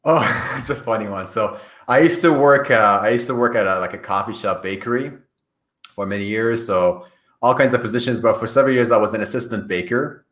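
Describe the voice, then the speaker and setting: This guest on a podcast grew up in Iran with Farsi as his first language and replies to the interview questions over a call in an earnest way. He has a lowish, slightly bright voice and speaks fairly quickly, often starting over and repeating words.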